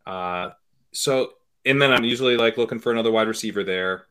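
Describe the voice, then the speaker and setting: A man who is a guest on a podcast, analyzing fantasy football picks in a hedging, casual way and often trailing off quietly. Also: fairly low pitch, fairly quick, clean tone. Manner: hedging, many fillers and restarts, trails off quietly.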